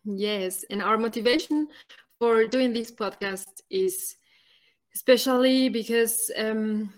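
Earnest woman. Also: fairly high pitch. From Ecuador. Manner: earnest, halting, many "um" pauses. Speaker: podcast co-host. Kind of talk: casual podcast introduction.

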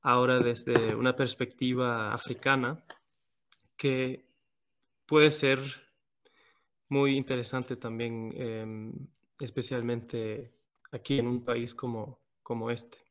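A man born in Venezuela and raised in Germany, co-hosting a podcast and explaining calmly with small hesitations. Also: medium pitch, takes it slowly. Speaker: podcast co-host. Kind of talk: casual podcast chat.

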